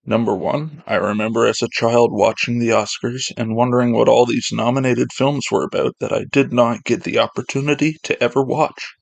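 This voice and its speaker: A man's voice: medium pitch, fairly even intonation, normal speed, vocal fry, hardly any pauses, dry recording. A man reading out a numbered list, heard from a distance.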